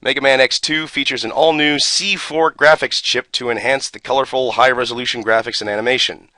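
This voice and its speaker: A video game YouTuber speaks a little fast in a pushed, bright, mid-range voice with a steady tone and no room sound. Alternating a rant with booklet reading, he is opinionated, sarcastic and exasperated, emphasizing strongly.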